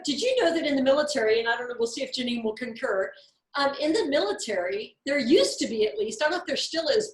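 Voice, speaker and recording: Animated high-voiced woman in an echoey room. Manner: animated, candid storyteller. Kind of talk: casual faith discussion.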